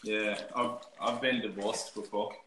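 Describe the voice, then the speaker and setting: A man's voice: fairly low pitch, flat delivery, a little slow. A man with a North Queensland Australian accent, chatting casually and joking. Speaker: guest in a chat with a stranger. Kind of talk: casual chat. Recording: echoey kitchen with cooking noise.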